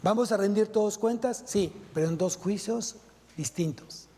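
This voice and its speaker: A male pastor delivers a sermon with a high-pitched yet mellow voice. He presses his listeners with emphatic rhetorical questions as he preaches. The sound rings with the long reverb of a church hall. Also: moderate pace. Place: church sanctuary.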